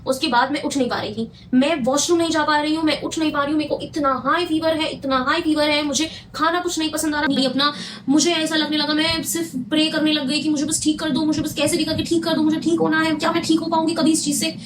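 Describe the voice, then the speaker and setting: Young woman, high pitch, quick storytime delivery, emphatic repeats, faint room noise. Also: steady tone. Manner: emphatic, repeats phrases, mixes Hindi with English. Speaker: vlogger telling her own health story. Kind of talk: casual storytime monologue.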